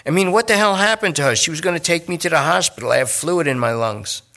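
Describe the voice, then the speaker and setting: A man voicing a jittery, talkative male junkie who rambles and pleads in fast bursts. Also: a little high, expressive, vocal fry, bright, forceful tone, pitched above the performer's own voice, exaggerated voice. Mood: pleading.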